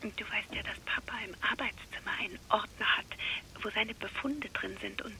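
A middle-aged actress playing an anxious mother who speaks hushed and hesitant on a phone call, in a radio drama. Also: a little high, level tone, normal speed, slight background noise. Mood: whispering.

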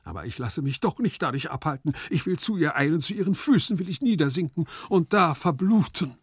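A man voicing a hysterical, lovesick Italian marquis with shrill, theatrical wailing laments in a literary reading. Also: lively intonation, a little fast, husky, no echo, clean studio sound. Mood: despairing. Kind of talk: literary reading with acted voices.

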